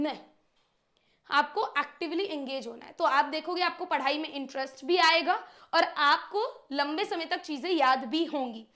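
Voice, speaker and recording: A woman's voice: sits high, a bit bright. A young woman teacher giving students study tips, talking straight to them and acting out their questions.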